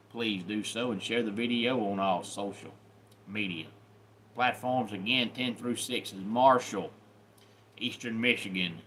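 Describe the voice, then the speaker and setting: Fairly low in pitch and fairly bright, this man's voice comes with a touch of hiss or hum. He's a YouTube channel host with a Southern US accent, chatting on a live stream and warmly welcoming viewers by name.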